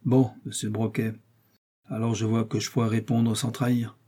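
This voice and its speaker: A man voicing a brawny Parisian street thug who protests loudly and insistently in slangy speech. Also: lowish voice, level tone, moderate pace, close to an everyday voice. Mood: wary.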